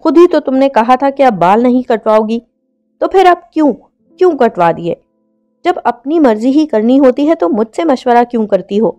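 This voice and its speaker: A woman's voice: a little high, lively intonation, measured pace, dark tone, faint music behind. A woman voicing an impatient young man. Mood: exasperated. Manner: scolding, exasperated. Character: hot-tempered young man, impatient fiancé.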